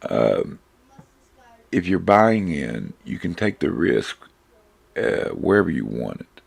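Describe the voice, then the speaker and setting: A man giving a casual, rambling lesson on reading stock charts, hoarse because he is losing his voice, with loose phrasing and frequent self-corrections. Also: extremely low pitch, big pitch swings, slow. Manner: informal, rambling, many fillers and self-corrections. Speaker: trading instructor.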